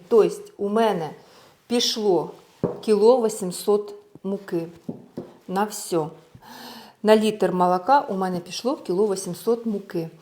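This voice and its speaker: Demonstrating a recipe, a woman chats her way through each step of a relaxed cooking tutorial, mixing in Russian words as she goes. She is a home cook with a warm, mid-range voice.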